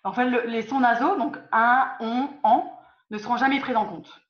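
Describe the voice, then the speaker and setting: A woman leads an online lesson on a video call, her voice sitting a little high. She quizzes her students patiently, often restarting or repeating a phrase. The sound is roomy and dull, like lo-fi call audio. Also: fairly quick. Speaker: teacher.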